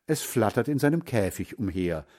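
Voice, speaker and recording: A man reading a children's storybook aloud in a slow, expressive way. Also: fairly low pitch. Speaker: narrator.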